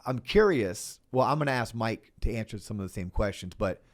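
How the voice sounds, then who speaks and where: A man with a fairly low voice hosts a relaxed podcast chat into a studio mic. He talks with easy confidence and often doubles a word as he gets going. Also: fairly quick. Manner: confident, stumbles and repeats words. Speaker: podcast host.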